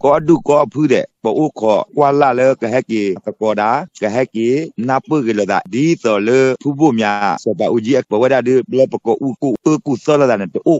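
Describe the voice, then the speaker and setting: A man co-hosting a casual chat, talking in long, rapid, run-on stretches. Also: medium pitch, a little mellow, dry recording, dull audio.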